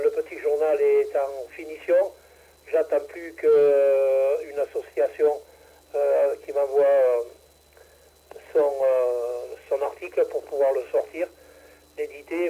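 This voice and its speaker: Over a radio transmission, a man who is president of a radio club runs an amateur ham radio net, hesitating often with plenty of fillers and restarts. His voice is fairly high, warm and a bit breathy, and the sound is lo-fi.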